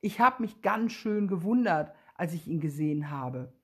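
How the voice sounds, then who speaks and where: Excitable young schoolboy, keen and eager, husky, played by a woman. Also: on the low side, normal speed. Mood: excited. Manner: enthusiastic, eager.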